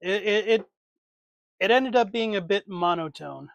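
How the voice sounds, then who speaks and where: A man's voice: high-pitched, unhurried, gravelly, no room sound, muffled recording. A man hosting a casual livestream, chatting and talking to himself as he swaps parts on figures. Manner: rambling, talks to himself as he works. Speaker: livestream host. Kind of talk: casual live chat while swapping figure parts.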